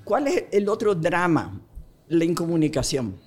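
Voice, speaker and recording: A woman's voice: fairly low pitch, sing-song, a little slow, a little mellow, slightly rough, faint music behind. A woman guest explaining relationship communication in a casual conversation, often asking rhetorical questions.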